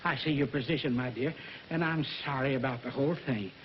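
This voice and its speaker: An actor playing a flustered middle-aged record company boss who blusters and coaxes, in a 1940s film. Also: male voice, mid-range voice, a little fast, a little hiss or hum, close to an everyday voice. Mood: coaxing. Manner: blustering, then coaxing. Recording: dull 1940s film soundtrack.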